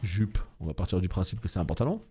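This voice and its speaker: Excitable male game streamer, lively pitch. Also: fast talker, slight background noise. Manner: excitable, swears and laughs often, voice jumps high under stress. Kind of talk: live gameplay commentary.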